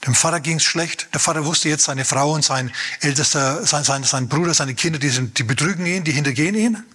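A man's voice: fairly high pitch, a little fast, pushed and bright, slightly rough. A male pastor preaching a sermon, retelling stories vividly with emphatic repetition and calls for amen.

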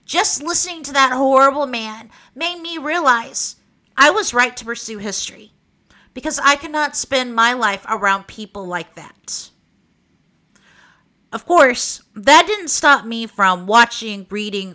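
A woman's voice: fairly high pitch, animated, measured pace, bright, forceful tone. A woman of about forty with an Oklahoma accent, hosting a podcast in a candid, informal, wry conversational monologue. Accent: Oklahoma (Okie). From Oklahoma, United States. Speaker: podcast host. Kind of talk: conversational personal monologue for a true crime podcast.

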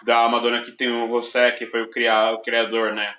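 A man with a deep voice, co-hosting a podcast and telling stories with excitement and sudden shouted bursts. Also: moderate pace, slight background noise. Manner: excited storytelling, bursts of shouting when retelling. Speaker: podcast co-host. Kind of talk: casual chat. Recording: roomy echoey room.

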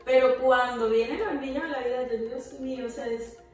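High-voiced woman in an echoey room. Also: a little fast. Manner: animated, acts out quotes. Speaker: co-host. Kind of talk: casual chat. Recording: echoey room, far from mic, with music.

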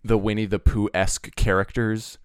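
A man's voice: lowish voice, level tone, normal speed, smooth, dry recording, clean studio sound. A man co-hosting a podcast, chatting casually and enthusiastically about a cartoon's voice cast, rambling with fillers. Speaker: podcast co-host. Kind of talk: casual chat.

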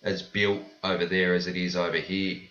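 A man's voice: low-pitched, little pitch movement, moderate pace, fairly bright tone. A man with an Australian accent chatting casually as a podcast guest, in plain, laid-back everyday phrasing. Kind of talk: casual conversation. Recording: roomy, dull lo-fi sound.

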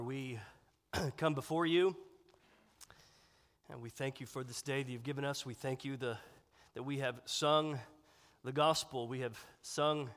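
Delivering a sermon in a church sanctuary, a pastor with a medium-pitched, slightly bright voice sounds stuffed up and nasal from a sinus infection. He talks conversationally, using fillers, and the recording carries long hall reverb.

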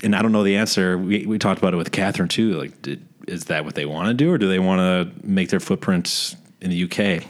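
A man's voice: sits low, fast talker, few pauses. A man co-hosting a podcast in casual chat, easygoing and storytelling, often searching for the right words. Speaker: podcast co-host.

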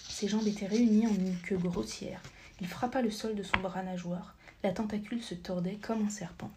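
A woman narrating a story as a whispered audiobook reading, soft and half-whispered, with occasional slips she corrects. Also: medium pitch, steady tone, normal speed, noisy background.

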